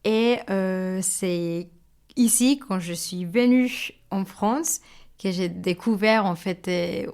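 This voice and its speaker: A woman speaking, her voice sitting at an ordinary middle pitch. She talks as a guest baker in a relaxed interview, often pausing, filling gaps and restarting as she searches for the right word. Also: clean tone. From Mexico. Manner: searching for words, many small fillers and restarts. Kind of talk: casual interview talk.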